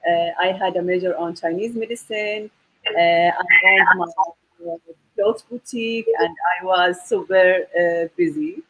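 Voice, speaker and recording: A woman's voice: lowish voice, fairly even intonation, unhurried, a bit bright, low-quality recording. A woman in her thirties from the Golan Heights, co-hosting a casual talk show over a video call and restarting her sentences often. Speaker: co-host.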